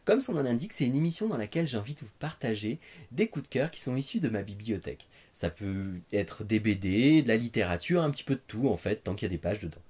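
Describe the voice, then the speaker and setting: A man's voice: medium pitch, animated, quick pace, darkish tone, husky. A man in his thirties with a French accent, presenting casually to camera in a conversational, somewhat hesitant way. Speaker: host of a comics recommendation show. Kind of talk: casual review talk to camera. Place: living room with bookshelves.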